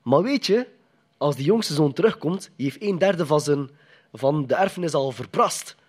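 Husky-voiced preacher. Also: male voice, a little high, lively intonation, normal speed. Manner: conversational, emphatic, asks the congregation questions. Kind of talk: sermon.

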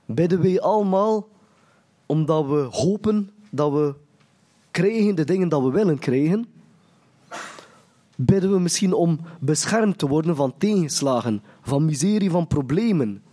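Earnest preacher with a mellow voice. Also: male voice, a little high, expressive, a little slow. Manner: earnest, restarts phrases, acts out quoted prayers. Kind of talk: sermon.

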